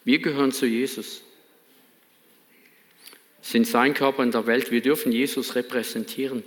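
A man's voice: medium pitch, a bit bright. A man preaching a sermon in a church, earnest and emphatic, with a light Baden accent. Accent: Baden German. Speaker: pastor. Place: church hall. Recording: reverberant church hall.

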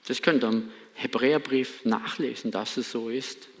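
A man's voice: mid-range voice, steady tone, moderate pace. A man preaching a sermon in a church, earnest and emphatic, with a light Baden accent. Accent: Baden German. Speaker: pastor. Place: church hall. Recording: reverberant church hall.

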